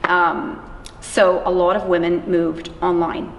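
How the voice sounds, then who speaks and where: Slow and lowish with little pitch movement, this woman's voice has its highs cut off, and the room is reverberant and echoey with noticeable background noise. An anti-trafficking worker being interviewed, she speaks informally and with emphasis, illustrating points with acted-out quotes.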